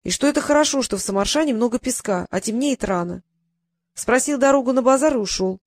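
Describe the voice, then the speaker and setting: A woman's voice: on the high side, lively intonation, quick pace, no room sound. A chatty young sidekick in a fantasy storybook, voiced by a woman. He recounts things plainly and matter-of-factly. The reading is dry and close. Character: chatty young male companion reporting news.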